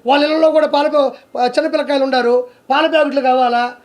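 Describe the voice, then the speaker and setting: High-voiced man in a scornful rant. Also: fairly even intonation, quick pace. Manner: scornful, accusing, rhetorical questions. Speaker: political commentator. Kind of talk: heated political rant to camera.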